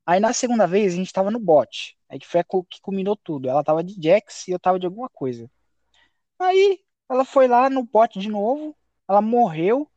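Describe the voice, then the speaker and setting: A male podcast host in a loose, casual chat. His voice leaps up and down in pitch as he tells a story. He swears freely, and the sound is close and dry with no room echo. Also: moderate pace, muffled recording. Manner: profane, animated storytelling.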